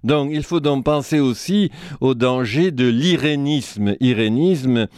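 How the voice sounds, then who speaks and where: A man's voice: mid-range voice, slow, a little mellow, clean tone, dry recording, clean studio sound. A man giving reflective spoken commentary in a professorial manner, tagging his phrases with little asides and playing on words. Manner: professorial, tags phrases with "hein" and "vous voyez"; fond of wordplay and quotations. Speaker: commentator on a broadcast series.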